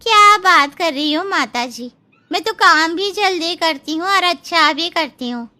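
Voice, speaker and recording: A woman's voice: extremely high pitch, lively intonation, measured pace, bright, forceful tone, exaggerated voice. A woman voicing a talkative housemaid in a cartoon who protests and praises her own work. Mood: protesting. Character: chatty self-praising housemaid.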